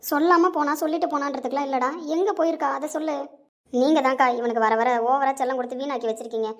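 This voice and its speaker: Actress as anxious mother of a grown son, rapid and high, pleading tone. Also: fairly even intonation, close to an everyday voice. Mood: scolding. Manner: pleading, scolding, tender. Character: worried middle-aged mother scolding her grown son. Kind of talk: web series drama acting.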